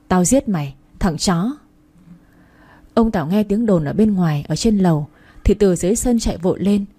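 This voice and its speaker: A woman storyteller reading a story in a steady, even scripted narration. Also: medium pitch, slightly rough.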